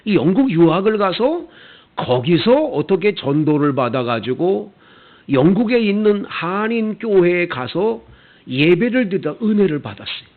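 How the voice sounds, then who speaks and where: Korean pastor preaching a story sermon. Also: male voice, high voice, sing-song, moderate pace. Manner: storytelling with acted quotes. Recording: tinny phone-like sound.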